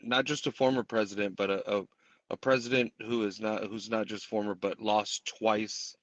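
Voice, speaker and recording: A man who is an attorney, giving measured, matter-of-fact opinions on a live stream. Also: on the low side, little pitch movement, no echo. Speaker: attorney guest. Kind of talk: casual live-stream panel talk. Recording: dry, dull lo-fi audio.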